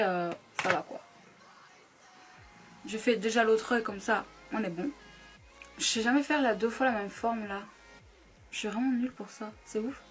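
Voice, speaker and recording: A young woman talks her way through a makeup tutorial at her table at home, casual and chatty. She keeps her voice low so she won't disturb anyone, at a medium pitch. Faint music plays underneath. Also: a bit bright. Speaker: beauty YouTuber.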